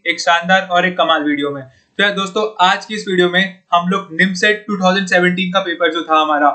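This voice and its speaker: Young man, online tutor, chatty, high voice, fairly flat delivery. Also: brisk. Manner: chatty, upbeat, calls viewers "bhaiya" and "yaar". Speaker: online exam-prep tutor. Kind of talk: informal Hindi lesson solving puzzles.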